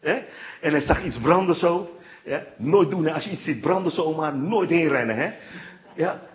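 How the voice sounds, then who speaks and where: A male preacher telling stories in an animated way, keeping his listeners close with frequent asides. His voice sits a touch high. The recording is dull and lo-fi. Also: moderate pace. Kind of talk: sermon.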